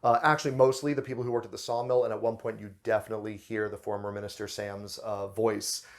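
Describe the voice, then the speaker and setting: A man's voice: on the low side, flat delivery, quick pace, vocal fry. A man hosting a review channel, talking through a TV episode in a chatty, enthusiastic way with fillers and restarts. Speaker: host of a book and film review channel. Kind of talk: casual review commentary.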